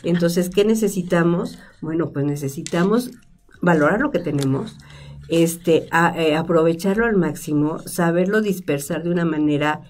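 A middle-aged woman with a low, mellow voice talks through ideas at a studio desk mic. She speaks in a reflective way and strings together rhetorical questions. The sound is close and clear. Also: normal speed. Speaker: psychologist guest. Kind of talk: conversational explanation. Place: studio with stone wall, seated at table. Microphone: desk microphone.

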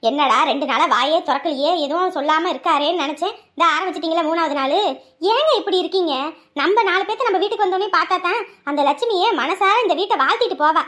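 Very high-voiced exasperated young wife, acted by a woman. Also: lively intonation, fast. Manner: exasperated, talking back. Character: put-upon young wife, defiant and exasperated. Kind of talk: family drama acting.

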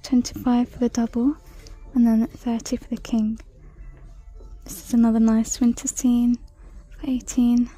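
A woman chatting through a shopping walk-through in a large store, reading out prices and sometimes dropping to a soft whisper, filmed on a handheld phone. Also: on the high side, little pitch movement, a little slow, faint music behind. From United Kingdom. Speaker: shopping vlogger. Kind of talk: casual shop-with-me commentary. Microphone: handheld phone camera.

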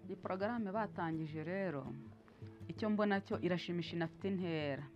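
A woman's voice: fairly low pitch, darkish tone, lo-fi sound. A middle-aged woman from Rwanda, a community health worker, speaking earnestly in an outdoor interview. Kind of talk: interview testimony. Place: outdoors in a village.

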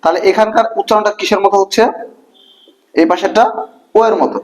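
A man teaching a grammar lesson to a class, asking many quick questions in a casual, colloquial way. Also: high voice, steady tone, rough recording.

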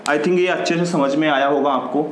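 A man's voice: fairly high pitch, steady tone, brisk. A man with a Hindi accent teaching a maths lesson, explaining step by step and asking and answering his own questions. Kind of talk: classroom lesson. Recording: echoey room with faint noise.

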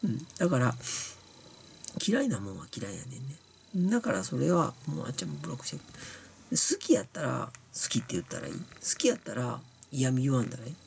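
Blunt, gravelly Kansai man, tipsy. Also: medium pitch, sing-song, fast talker, a little hiss or hum. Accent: Kansai Japanese. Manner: blunt, scolding, rambling with many fillers. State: tipsy and sleepy from drinking. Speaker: YouTuber talking to viewers. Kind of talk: casual monologue to camera.

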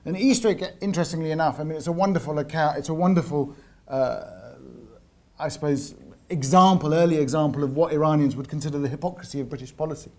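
Mellow-voiced man giving an academic lecture. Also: a little high, fast talker. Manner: hesitant, repeats words while searching for phrasing. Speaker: visiting lecturer. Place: university seminar room.

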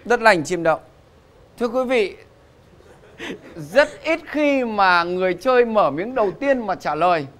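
A man hosting a game show in a lively way, announcing answers and prompting contestants. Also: high voice, a little slow, pauses often. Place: TV studio with audience. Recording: studio show with music and crowd. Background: music and audience noise.

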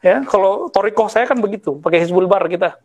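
A preacher in his thirties from West Sumatra, Indonesia, gives a conversational Islamic study lecture sprinkled with Arabic terms and teasing asides. His voice sits high and moves briskly.

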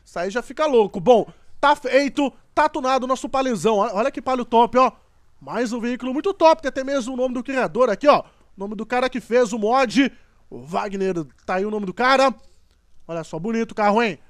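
Very high-pitched excitable man. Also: brisk, no echo, studio quality. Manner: excitable, exclamatory, repeats "top" and "ó". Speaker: gaming YouTuber. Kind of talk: gameplay commentary.

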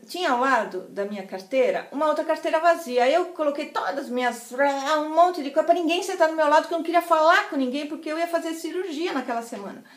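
A middle-aged woman tells a personal story in a casual, chatty way, acting out what other people said. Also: high-pitched. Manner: animated, chatty, acts out other people's lines. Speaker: vlogger sharing a personal experience. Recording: roomy, echoey room sound.

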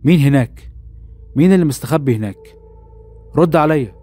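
A man's voice: mid-range voice, rapid-fire, dark tone, husky, soft background music, natural voice. A man voicing a deformed young man locked in a cellar, speaking in an Egyptian accent with raised, tense delivery. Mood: furious. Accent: Egyptian Arabic.

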